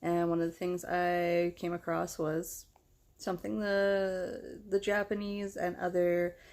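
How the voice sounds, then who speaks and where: A young American woman, a vlogger, chats casually and candidly about herself with self-deprecating humor. Her voice is lowish and darkish, delivered completely flat and slowly.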